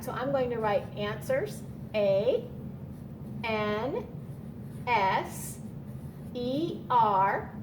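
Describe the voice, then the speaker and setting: Leading children through a read-aloud, a woman teacher talks in a measured, teaching manner and repeats the key words. Her voice is a little high, and the background is noisy.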